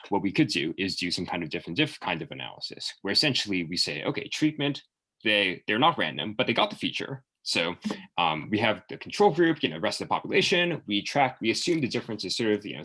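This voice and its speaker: A man with a deep, husky voice gives explanatory answers as a job interview candidate. His pitch moves around a lot, and he feels his way through the explanation, thinking aloud and hedging as he goes. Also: big pitch swings, quick pace, sharp tone, rough recording.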